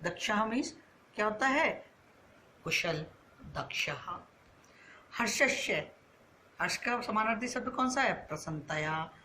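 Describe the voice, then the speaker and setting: Bright-voiced woman teaching a class. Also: mid-range voice, lively intonation, slight background noise. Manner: asks questions and answers them herself, drawn-out words. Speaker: school Sanskrit teacher. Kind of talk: online class lesson.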